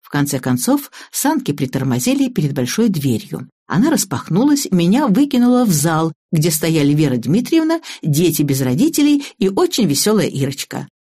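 A woman narrating an audiobook in the first person, in a lively, expressive way. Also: low-pitched, moderate pace, few pauses, breathy edge.

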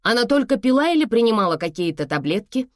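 A woman's voice: fairly high pitch, sing-song, fast, no echo, clean studio sound, pitched above the performer's own voice. Woman doing an icy, commanding doctor mother. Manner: curt, firm instructions.

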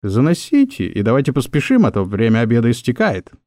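A man's voice: mid-range voice, wildly swooping pitch, fast, darkish tone, dry recording, clean studio sound. A man voicing a tipsy, swaggering male office clerk who talks in a cocky, mock-tough way. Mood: smooth.

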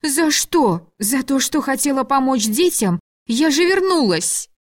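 A woman's voice: medium pitch, animated, moderate pace, a little mellow, no room sound, clean studio sound, close to an everyday voice. Frightened young captive, urgent and pleading, voiced by a woman reader. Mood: anxious, pleading.

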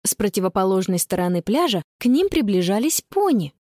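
A woman narrating a children's audiobook in an expressive, lively reading style. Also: mid-range voice, fairly quick, dry recording, studio quality.

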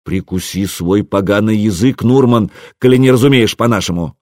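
A man voicing a proud, quick-tempered boyar commander in an audiobook, commanding and blustering. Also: lowish voice, a little mellow, no echo, studio quality, natural voice. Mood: furious. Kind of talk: audiobook character reading.

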